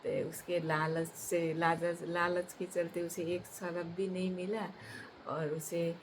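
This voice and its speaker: A woman telling a comic folk tale in a casual, halting way, with many fillers and restarts. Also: on the low side, flat delivery, noisy background. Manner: halting, with many fillers and restarts, laughing at her own jokes. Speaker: storyteller, channel host.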